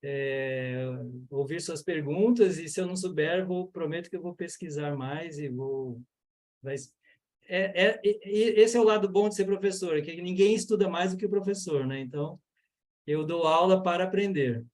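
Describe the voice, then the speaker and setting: A man's voice: on the high side, moderate pace, darkish tone. A Brazilian man teaching yoga and mantra in an online lecture, explaining earnestly with many fillers over a video call.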